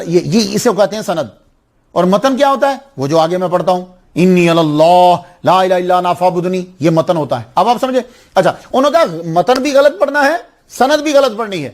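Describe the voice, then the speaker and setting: A man preaching an Islamic sermon. His voice sits high for a man and rises in animated bursts. He keeps repeating phrases and exclamations as he tells the story. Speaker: religious preacher.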